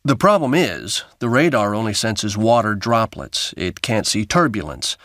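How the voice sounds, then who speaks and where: A man speaking as an airline pilot, giving measured, explanatory answers in an interview. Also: fairly low pitch, lively intonation, fairly bright tone, no room sound, studio quality.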